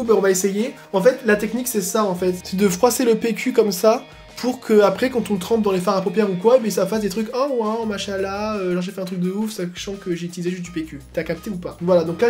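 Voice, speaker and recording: A man hosting a casual makeup tutorial at home, talking in slangy asides and breaking into excited exclamations. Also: high voice, fast talker, soft background music. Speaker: beauty YouTuber.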